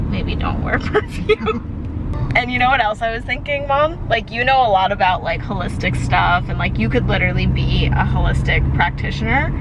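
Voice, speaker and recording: A woman's voice: medium pitch, heavy background noise. A woman vlogger chatting casually, full of "like" fillers. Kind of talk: casual chat.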